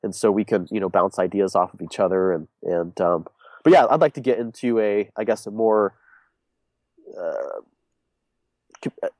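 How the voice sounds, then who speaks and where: A man's voice: on the low side, moderate pace, long pauses, a little mellow, no echo. A young man with a congested, stuffy voice, talking casually as an interview guest and rambling with many fillers and restarts. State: congested, sick. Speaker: guest, business owner.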